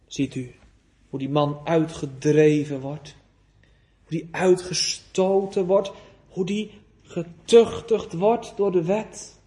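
A male preacher delivering a sermon in an unhurried, emphatic way. His fairly high voice has a mellow, dark tone, and he swings between loud outbursts and near-murmurs while posing rhetorical questions. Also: fairly even intonation. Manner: emphatic, with big swings in loudness and pitch.

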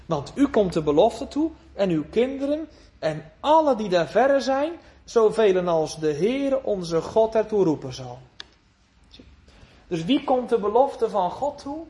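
A man with a notably high voice preaching a sermon. He talks earnestly, lifting his voice for calls and sinking to soft, tender phrases, and he often asks his listeners questions. His wording is old-fashioned and biblical. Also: very animated, measured pace. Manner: earnest, swinging between emphatic raised lines and hushed tender phrases.

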